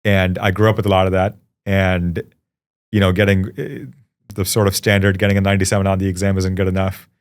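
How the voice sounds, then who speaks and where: A man from India with a somewhat low voice speaks as a podcast guest. He is a founder reflecting thoughtfully and warmly, and he pauses on plenty of ums. His manner is casual and unhurried. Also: level tone. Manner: warm, reflective, frequent fillers.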